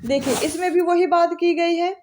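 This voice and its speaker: A woman teaching English literature for exam preparation, with an Indian English accent, often asking a question and answering it herself, and reading English examples slowly. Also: extremely high pitch, steady tone, a little mellow, slight background noise. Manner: repeats questions and answers them, slows down to read English examples. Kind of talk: exam-prep lesson.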